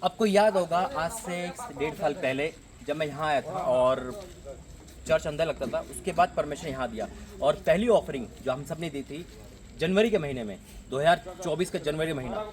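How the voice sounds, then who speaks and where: A male pastor preaches loudly in the open air at a church construction site, with no microphone. His voice sits a little high, and he pronounces blessings over the listeners with fervor. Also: moderate pace, a crowd in the background. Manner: speaks loudly without a microphone; fervent, declaring blessings. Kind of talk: fundraising sermon. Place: outdoors at a church building site.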